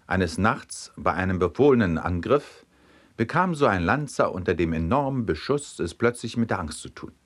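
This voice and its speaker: A man narrating a series of scripted humorous anecdotes in a lively, animated reading. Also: low-pitched, moderate pace. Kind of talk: scripted storytelling of jokes.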